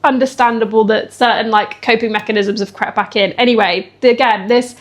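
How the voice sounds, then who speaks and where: A young woman chatting casually in a fitness vlog, emotional and quick to laugh. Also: a little high, steady tone. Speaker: fitness vlogger.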